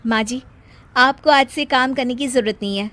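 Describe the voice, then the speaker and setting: A woman's voice: high-pitched, a bit bright. A woman voicing a harried young daughter-in-law. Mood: warm. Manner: exasperated, quick replies. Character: young working daughter-in-law, busy, defensive.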